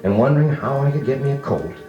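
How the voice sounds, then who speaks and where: This echoey old recording, with music and the highs cut off, has a man narrating his farm-boy memories as a grown-up in a folksy, nostalgic American manner like a vintage radio drama. His mid-range voice is animated and quick. The delivery is lightly acted.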